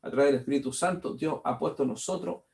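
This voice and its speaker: A man's voice: on the high side, quick pace, creaky, a little mellow. A male pastor preaching a sermon, reading scripture aloud and then expounding on it, repeating phrases and tagging lines with "¿cierto?".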